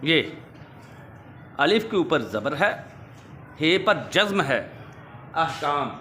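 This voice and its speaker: A man teaches children how to pronounce words. His voice sits high and bright, and he stretches each word slowly before quizzing them with rising questions. The sound is roomy and echoey, with a faint hum behind it. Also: sing-song. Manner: slow, drawn-out repetition of words. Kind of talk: pronunciation lesson for children. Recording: echoey room with faint ambience.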